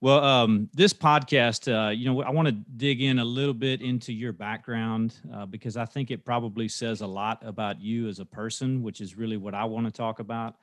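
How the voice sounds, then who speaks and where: A man's voice: medium pitch, fairly even intonation, normal speed, few pauses, no room sound, studio quality. A man hosting an interview podcast, friendly and talking with frequent fillers. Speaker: podcast host.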